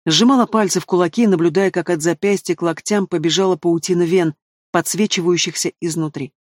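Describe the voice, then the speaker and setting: A male narrator reading a fantasy novel aloud in the first person, expressive and engaged with the heroine's thoughts. His voice sits high for a man and the sound is dry and close to the mic. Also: brisk, no room sound. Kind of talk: audiobook narration.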